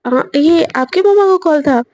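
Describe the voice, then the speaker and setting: A woman voicing an adoring young woman junior in a storybook reading, sweet and flattering. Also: very high voice, normal speed, no echo. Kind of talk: storybook narration with voiced parts.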